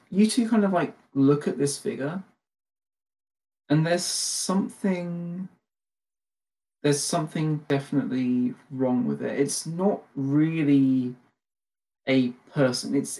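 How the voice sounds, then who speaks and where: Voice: mid-range voice, slow pace, warm tone. A casual game master narrates a tabletop role-playing session. They lean on fillers like "like" and "um" and often correct themselves in mid-sentence. The delivery is loose and conversational. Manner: chatty, lots of fillers and self-corrections.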